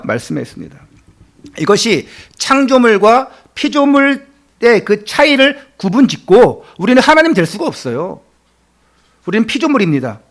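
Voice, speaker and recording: Animated high-voiced male preacher. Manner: earnest preaching with rhetorical questions. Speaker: pastor. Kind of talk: sermon.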